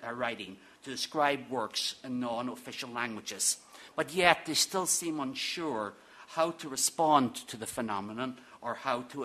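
A middle-aged Irish man, an academic, reads a prepared lecture at a podium in a conference hall, dropping dry, wry asides. His mid-range voice has a sharp tone, picked up by a podium microphone.

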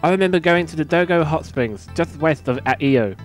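A man's voice: on the high side, expressive, moderate pace, soft background music, lightly acted. A man doing a fretful young dragon boy. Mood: earnest. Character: young naive male dragon god's son.

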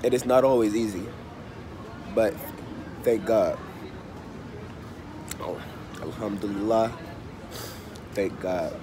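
A lowish-voiced man in his thirties, congested and under the weather, chats casually to camera for his travel vlog, speaking slowly and repeating phrases. The phone is held at arm's length, and the open-fronted hostel bar or cafe around him is noisy with traffic and vehicles.

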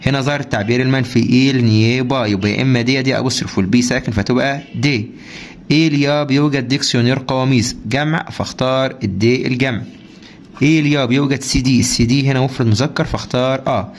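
A man with an Egyptian Arabic accent teaching a French lesson, drilling through homework answers and quizzing the class with quick rhetorical questions. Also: mid-range voice, slight background noise.

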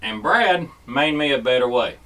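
A man's voice: mid-range voice, expressive, moderate pace, far from the mic, background noise. A man hosting a casual how-to demonstration, folksy and often checking in with "okay?". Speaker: host. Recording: voice set back from the mic.

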